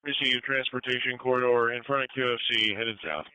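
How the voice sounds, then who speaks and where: A man's voice: mid-range voice, fairly even intonation, brisk, sharp tone, clear, resonant tone, dry recording, highs cut off. A man working as a fire dispatcher, reading calls over emergency radio in a clipped, procedural way. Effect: two-way radio.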